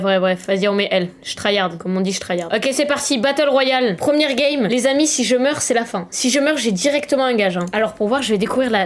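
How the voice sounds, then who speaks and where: Excitable high-voiced young woman gamer. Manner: excitable, slangy, swears, bursts into loud shouts. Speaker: gaming streamer. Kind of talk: casual gaming commentary.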